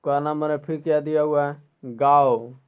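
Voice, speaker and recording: A man teaching a school textbook lesson, explaining slowly and repeating phrases so students can follow, now and then clearing his throat. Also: on the high side, completely flat delivery. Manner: slow, deliberate, repeats phrases to make them clear. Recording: tinny phone-like recording.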